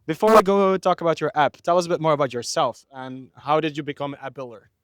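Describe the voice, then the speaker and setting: A man hosting a casual podcast, speaking in a brisk, blunt way. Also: on the high side, clean tone, no room sound, studio quality. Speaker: podcast host.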